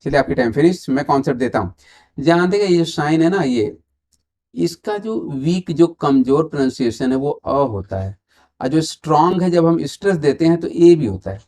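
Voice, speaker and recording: Indian male English teacher, fairly high. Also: lively intonation, normal speed, a little mellow. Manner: mixes Hindi and English, quizzes viewers and waits for replies. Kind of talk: online exam-prep grammar lesson.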